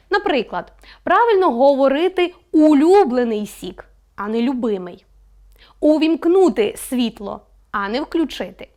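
Lively high-voiced woman teaching. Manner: clear, instructive, stresses examples. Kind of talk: online school lesson.

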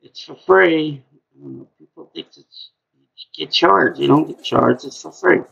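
The middle-aged trivia host's high voice comes through gravelly, a bit bright and slightly rough on a muffled recording. Streaming live from a small room at home, he talks slowly and chattily, often repeating himself.

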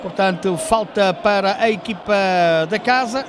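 Male futsal commentator, high voice, hesitant live play-by-play with self-corrections, recorded in a noisy sports hall. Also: unhurried. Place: indoor sports hall during a match. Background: gym noise, ball bounces.

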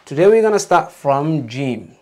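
A man's voice: a little high, very animated, moderate pace, dark tone. A man teaching a beginner alphabet lesson, patiently modeling letter sounds and encouraging learners to repeat.

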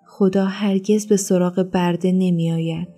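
A woman's voice: on the low side, fairly even intonation, dark tone, breathy edge, faint music behind. A woman voicing a proud, bitter enslaved woman who speaks with scorn and sarcasm.

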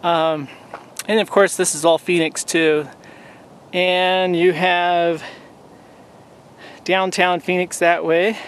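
A man in his forties vlogging outdoors on a desert mountain, talking in a relaxed, rambling way with many ums, to a camera held at arm's length. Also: sits high, slow pace, pauses often, a little hiss or hum. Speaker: hiking vlogger. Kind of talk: casual outdoor vlog.

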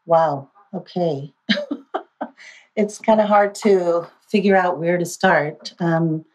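A woman from Puerto Rico, a psychologist guest on a podcast interview, speaking in a reflective, soft-spoken way with many pauses and fillers. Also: on the low side, low-quality recording.

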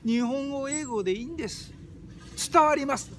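A man's voice: very high voice, moderate pace, slight background noise. An older man, a YouTube host, giving an emphatic monologue, stressing and repeating his key phrases.

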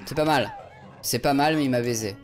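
Male let's-play streamer from France, loose casual commentary, mid pitch, light game music behind. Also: brisk. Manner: chatty, swearing, reads chat aloud. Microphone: USB studio condenser mic.

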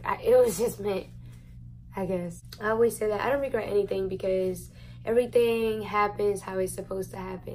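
Over a meal at home, this young adult woman vlogger shares a personal story in a candid, rambling way, swearing freely and leaning on fillers. Her voice is medium-pitched and warm; the recording is rough, with slight background noise.

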